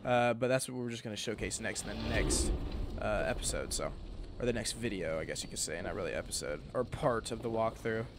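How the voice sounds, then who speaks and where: A man's voice: fairly low pitch, brisk, hardly any pauses, background noise. A man giving casual, rambling gameplay commentary, sleepy and yawning, correcting himself often. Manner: rambling, many fillers and restarts, self-correcting. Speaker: gaming commentator.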